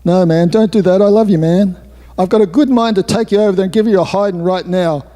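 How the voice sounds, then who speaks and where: A man voicing a rough homeless man who swears, threatens and scolds a friend out of rough affection, in a roomy hall. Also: high-pitched, brisk, warm tone, lightly acted. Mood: scolding.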